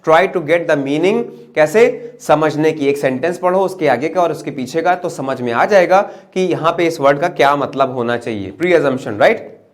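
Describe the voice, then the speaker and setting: A man teaching an exam-prep English lesson in Hindi, reading English phrases aloud slowly and asking "right?" to check in. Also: a little high, lively intonation. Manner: asks "right?" to check understanding.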